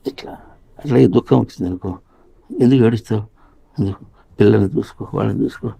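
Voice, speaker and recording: Gravelly-voiced man giving a spiritual talk. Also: fairly low pitch, dark tone. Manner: sings or chants quoted song lines slowly, asks rhetorical questions. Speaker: spiritual teacher. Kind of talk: spiritual discourse explaining song lines.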